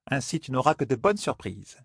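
A man voicing a stern older sorceress who lectures her young charges, in a husky voice for an audiobook. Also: medium pitch, very animated, normal speed, a bit bright, dry recording, clean studio sound, pitched above the performer's own voice, exaggerated voice. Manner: scolding, lecturing. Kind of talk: audiobook character voice.

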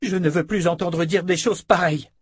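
A man voicing a fierce young woman, a vehement and imperious sorceress of a dark order, in an audiobook. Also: on the high side, normal speed, breathy edge, no echo, studio quality, voice pushed up. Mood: furious.

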